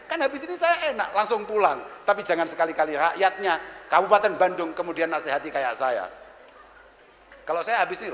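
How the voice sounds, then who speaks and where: Bright high-voiced Javanese preacher in a hall. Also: male voice, slight background noise. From Java, Indonesia. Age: 30s. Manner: teasing, blunt, mixes Arabic recitation with jokes. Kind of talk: humorous sermon to a live crowd. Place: large event hall. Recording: echoey hall with long reverb, faint crowd ambience.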